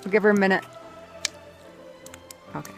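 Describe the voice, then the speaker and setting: A woman's voice: mid-range voice, moderate pace, gravelly, soft background music. A woman leading a group hike, chatting to the camera on a mountain trail, upbeat and thankful. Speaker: hike leader filming a trail vlog. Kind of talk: casual outdoor vlog narration.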